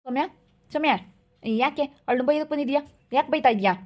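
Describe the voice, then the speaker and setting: A woman voicing a blustering village husband who answers back gruffly in a skit. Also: high-pitched, a little fast, darkish tone, lightly acted. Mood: indignant. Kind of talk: skit acting.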